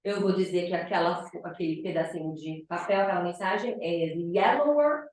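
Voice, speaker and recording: Woman teaching english, slow patient repeats, roomy echo, kinda far from the cam. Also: on the low side, darkish tone. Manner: explains slowly, repeating example words. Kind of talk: bilingual classroom lesson. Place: classroom. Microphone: camera at a distance. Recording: echoey room, far from the camera.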